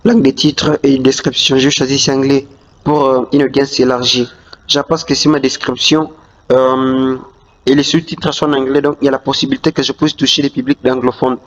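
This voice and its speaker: In a dull, lo-fi voice-over with slight background noise, a male YouTube tutorial host guides viewers through a screen recording. He speaks briskly and flatly at a medium pitch, hesitating with many fillers and restarts.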